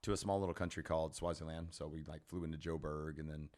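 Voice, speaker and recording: A middle-aged man, a personal trainer, telling a story as a podcast guest in an animated, casual way. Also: very deep voice, fast talker. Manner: animated, lots of "like" and "man" fillers.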